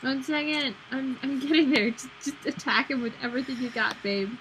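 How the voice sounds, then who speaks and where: A young woman co-hosting a casual gaming let's play, excitable and prone to jumpy yelps. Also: sits high, fairly quick, slight background noise, rough recording.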